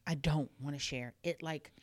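A middle-aged woman with a slightly lower voice talks openly on a podcast. She pokes fun at herself and laughs easily. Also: fairly even intonation, normal speed. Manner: candid, self-deprecating, laughs often. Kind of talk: casual chat.

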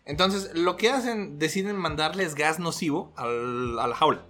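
A man, hosting a casual podcast and retelling scenes in an animated way, laughing often. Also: on the high side, normal speed, soft background music. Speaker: podcast host.

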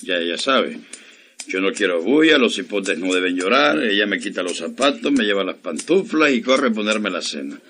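A man's voice: lowish voice, expressive, normal speed, a bit bright, slight background noise. A man voicing a boastful, talkative village barber in a radio play. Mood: bragging.

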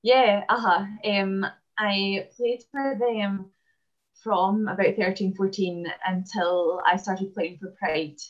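A Scottish woman in her twenties, a basketball player and dentist, chatting casually in an interview with many "um" pauses. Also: mid-range voice, fairly even intonation, lo-fi sound. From Scotland.

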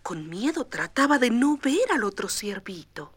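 Expressive woman storyteller, dry studio. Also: fairly high pitch, measured pace, husky, no room sound. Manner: expressive and tender. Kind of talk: storybook record narration.

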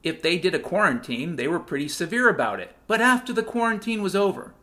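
A man's voice: high-pitched, sing-song, fast, bright, forceful tone. A male podcast host delivering a heated, sarcastic monologue, swearing often. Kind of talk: profane ranting monologue.

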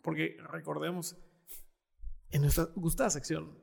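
Male co-host, raspy fry-heavy voice, wry sidekick, reverberant room. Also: fairly high pitch, flat delivery, measured pace, a little mellow. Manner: dry quips, explains trivia. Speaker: podcast co-host. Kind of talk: casual chat.

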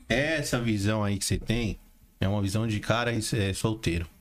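A man's voice: on the low side, a little fast. Slangy man telling stories. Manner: slangy storyteller, calls others mano and irmão. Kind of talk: casual chat.

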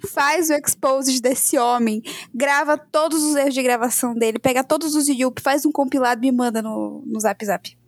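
High-voiced Brazilian woman, joking and informal. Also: fairly quick, few pauses. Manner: informal, joking, self-deprecating. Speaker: podcast host. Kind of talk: casual chat and scripted true-crime narration with asides.

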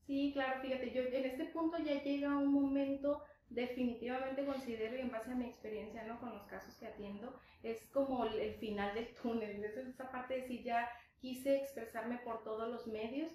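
A woman's voice: sits high, steady tone, normal speed, hardly any pauses, darkish tone. A woman psychologist, explaining patiently in an interview and often ending on a tag question. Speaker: psychologist guest. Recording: very echoey room with faint noise.

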